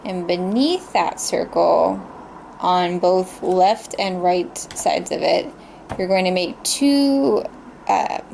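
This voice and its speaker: Slow-paced woman in a pictionary guessing game. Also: on the low side, gravelly, a little mellow, slight background noise, poor audio. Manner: halting, pauses to search for words. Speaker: player in a drawing guessing game. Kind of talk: casual pictionary guessing game chat, giving drawing instructions.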